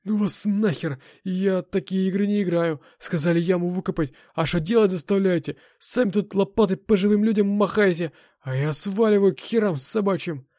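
A man's voice: high-pitched, dark tone, dry recording, studio quality, voice pushed up, close to an everyday voice. A man doing a wheezy, cowardly drunk thug. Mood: panicky. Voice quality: wheezy, hissing. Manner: rapid panicky gabbling.

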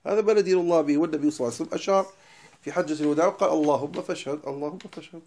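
A male religious teacher gives a lecture on a poem. His voice sits fairly high and he talks at a brisk clip. He leans hard on single words, then sinks into softer asides. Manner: emphatic, stresses single words then drops to quiet asides. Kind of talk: lecture explaining a didactic poem.

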